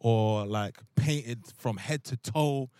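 A man's voice: mid-range voice, takes it slowly, warm tone, clean tone, no room sound. A man with an urban London roadman accent hosting a casual podcast in slangy street talk. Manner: slangy street talk, calling people bruv and mandem. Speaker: podcast host. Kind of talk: casual group podcast banter. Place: in a large open stadium, on the pitch.

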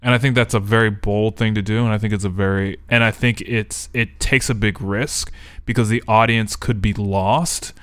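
Brief: male podcast co-host, low smooth voice, dry sound, rambling casual analysis. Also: fairly even intonation, moderate pace, a bit bright, dry recording. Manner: rambling, thinks aloud with many restarts. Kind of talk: casual chat. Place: podcast studio.

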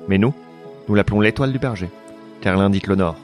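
A man voicing a solemn, tender middle-aged father in an audio drama, speaking gravely and quietly. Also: on the low side, fast talker, faint music behind, close to an everyday voice.

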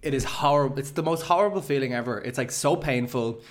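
A man's voice: mid-range voice, fast talker. A man with an Irish accent co-hosting a podcast, telling anecdotes in casual, jokey banter. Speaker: podcast co-host.

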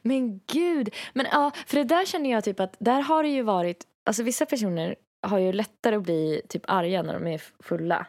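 A woman's voice: mid-range voice, animated, hardly any pauses, a little mellow, no echo, clean studio sound. A young woman podcast host thinking aloud in a casual, reflective chat.

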